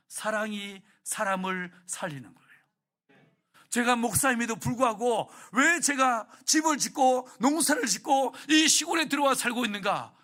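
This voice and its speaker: A male pastor delivers a heartfelt sermon, his voice sitting very high for a man. He tells a story with strong feeling and keeps turning to the congregation with questions. His tone is bright and forceful. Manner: emotional storytelling that acts out prayers and asks the congregation questions.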